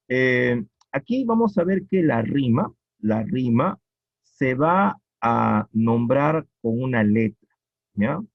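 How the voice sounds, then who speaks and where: A man with a Peruvian accent teaching a poetry lesson, explaining slowly and repeating each point with checking questions. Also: mid-range voice, dry recording. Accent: Peruvian Spanish. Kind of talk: classroom lecture on poetry. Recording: dull lo-fi recording.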